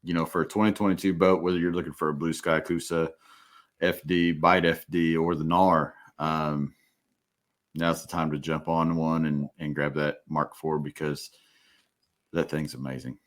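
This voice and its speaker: A man hosting a casual podcast chat, speaking in an easygoing, relaxed way. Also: very deep voice, moderate pace. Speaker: podcast host.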